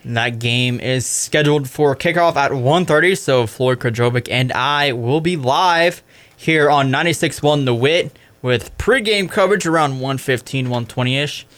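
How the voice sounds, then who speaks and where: A young man hosting a college radio sports show, giving a casual recap full of "I mean" and quick self-corrections. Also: mid-range voice, fairly bright tone.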